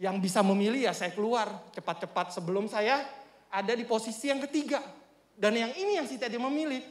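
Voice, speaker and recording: A male preacher tells a story in a lively, joking way. His voice sits very high for a man. The sound is echoey, as from a church hall. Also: a little fast. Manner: animated, humorous, addresses congregation often. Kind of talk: storytelling sermon.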